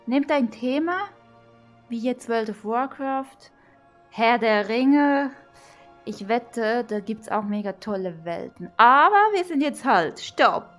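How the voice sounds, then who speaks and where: A woman, vlogging her VR tour in excited, gushing commentary to her viewers. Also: fairly high pitch, slow pace, soft background music. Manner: gushing, exclaiming, talking to viewers. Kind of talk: excited casual vlog commentary. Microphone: VR headset mic.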